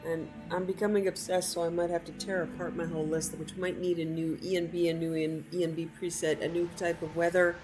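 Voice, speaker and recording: A woman's voice: on the low side, level tone, fairly quick, few pauses, music in the background. A woman giving casual, chatty gameplay commentary, informally talking to herself as she plays. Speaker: game streamer. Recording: loud game ambience under voice.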